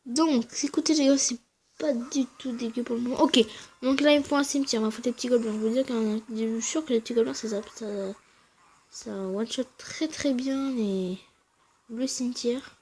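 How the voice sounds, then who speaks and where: A woman giving casual, slangy commentary over her own gameplay, talking quietly and then shouting at big wins and losses. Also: fairly high pitch, steady tone, fairly quick, slight background noise. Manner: speaks quietly between outbursts. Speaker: gaming channel host.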